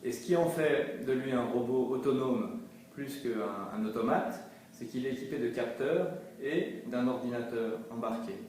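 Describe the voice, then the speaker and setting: A man's voice: mid-range voice, moderate pace, a little mellow. Man explaining in a very echoey room. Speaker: robotics company representative. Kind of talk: explanatory interview talk. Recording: very echoey room, distant mic, faint noise.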